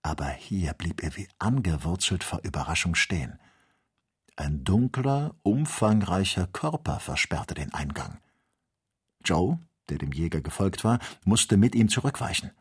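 A man reading an adventure novel aloud as audiobook narrator, in measured storytelling. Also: sits low, sing-song, breathy edge. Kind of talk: scripted narration.

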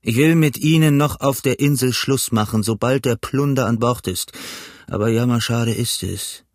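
A man voicing a cunning older pirate cook who talks in a gruff, blustering, lecturing way, in an audiobook reading. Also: mid-range voice, moderate pace, no echo, clean studio sound, close to an everyday voice.

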